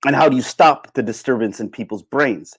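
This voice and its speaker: Hosting an opinionated livestream, a man talks briskly in a mid-range, slightly rough voice with no echo. His delivery is casual and emphatic, with occasional swearing and repeated phrases driving each point home.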